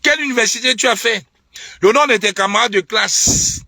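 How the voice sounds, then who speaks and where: Fired-up young guy from cameroon ranting live, bright sharp high voice, dry close sound. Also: moderate pace, no room sound. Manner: indignant, repetitive, mocking laughs. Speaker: online political commentator. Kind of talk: heated live-stream rant.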